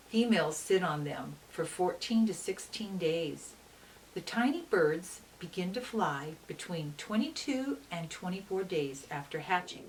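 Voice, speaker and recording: With a lowish voice, a woman teacher reads to children and explains as she goes, using deliberate, teaching-style phrasing that emphasizes key words. The recording is distant, with a faint hiss underneath.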